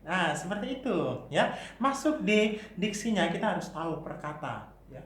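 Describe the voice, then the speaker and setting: A man's voice: high-pitched, expressive, normal speed, fairly bright tone. A man with an Indonesian accent, a vocal coach patiently explaining articulation and demonstrating vowels. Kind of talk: singing lesson. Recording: roomy with faint hiss.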